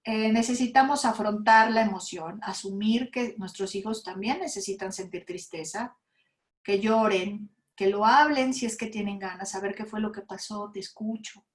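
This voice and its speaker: A woman with a Mexican accent lectures parents at a school talk on handling emotions. Her voice sits at an ordinary middle pitch. She keeps checking in with little tag questions and slips into quoted lines from parents and kids. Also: normal speed.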